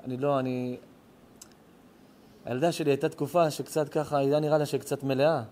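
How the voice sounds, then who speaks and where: A man's voice: medium pitch, fairly even intonation, mellow. A middle-aged man, a rabbi, telling a heartfelt story in a moral sermon, his voice rising and cracking with emotion. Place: synagogue or home lecture hall.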